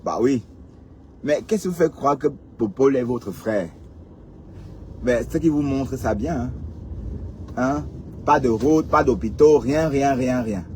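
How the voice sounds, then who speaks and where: A man's voice: medium pitch, slow, pauses often, a little mellow, slight background noise. A man from Cameroon, ranting sarcastically to his viewers and firing rhetorical questions at them. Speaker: commentator addressing viewers. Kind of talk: casual ranting commentary. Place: in a vehicle on the road.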